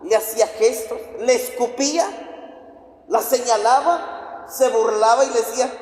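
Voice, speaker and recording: A man's voice: very high-pitched, unhurried, a little mellow. A man preaching a sermon, dramatic and piling up repeated phrases. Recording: echoey hall with long reverb.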